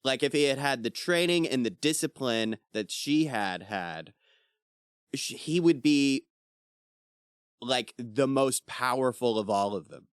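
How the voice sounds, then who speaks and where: A man's voice: mid-range voice, a little slow, smooth, no room sound, studio quality. A man co-hosting a casual book club podcast, acting out quotes from the book as he talks. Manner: animated, acts out quotes from the book. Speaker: podcast co-host.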